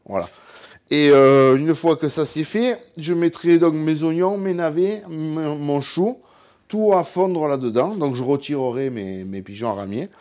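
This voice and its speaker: A home cook and hunter from the Cévennes in southern France chats casually through a cooking vlog in a southern French accent. His voice is on the high side and a little mellow. He rambles, speaks straight to the viewer, jokes, laughs at himself and says "voilà" constantly.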